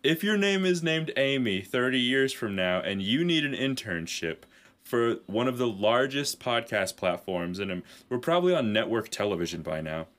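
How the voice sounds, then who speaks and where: A man's voice: mid-range voice, big pitch swings, normal speed, a bit bright. A man co-hosting a comedy podcast, rambling through a profane, laughing story. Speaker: podcast co-host.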